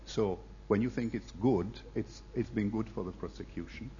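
Man, audience question, argumentative, forceful, muffled hall recording. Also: lowish voice, moderate pace, a little hiss or hum. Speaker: audience member asking a question. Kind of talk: public debate floor question.

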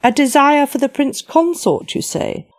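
A woman's voice: sits high, expressive, measured pace, dry recording, pitched above the performer's own voice. A woman voicing an imperious elderly widowed queen who speaks formally and with disdain.

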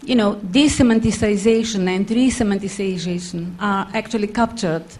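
A woman in the audience asking a question, hesitant and full of pauses and fillers. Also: medium pitch, a little mellow. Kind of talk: question from the floor.

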